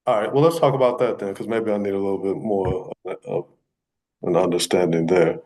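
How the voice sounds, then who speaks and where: Male attorney, low voice, halting and self-correcting questioning. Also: steady tone, mellow, rough recording. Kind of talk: courtroom questioning. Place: courtroom.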